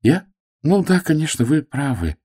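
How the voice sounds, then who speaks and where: A man voicing a cheerful, sharp-tongued young woman who teases with sarcasm. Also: fairly high pitch, sing-song, normal speed, slightly rough, no room sound, clean studio sound, voice pushed up. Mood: wistful. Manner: teasing, sarcastic.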